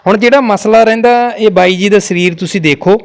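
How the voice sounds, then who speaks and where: A man's voice: sits high, brisk. A man who hosts and reports on location, talking earnestly to camera and to a family he visits. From Punjab. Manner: consoling, earnest, talks to camera. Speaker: reporter host.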